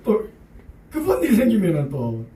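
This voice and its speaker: A man preaching as pastor, talking in a lively, conversational way, with rhetorical questions and humorous asides for the congregation. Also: high voice, normal speed. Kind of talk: sermon. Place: church sanctuary. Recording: echoey church room, voice picked up from a distance.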